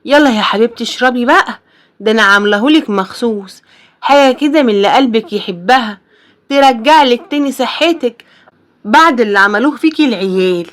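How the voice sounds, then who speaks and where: A woman's voice: a little high, lively intonation, a little fast, fairly bright tone. A woman doing a sugary scheming sister. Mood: coaxing. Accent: Egyptian Arabic. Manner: coaxing, sugary insistence. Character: sweet-talking scheming young sister. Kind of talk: storybook voice acting.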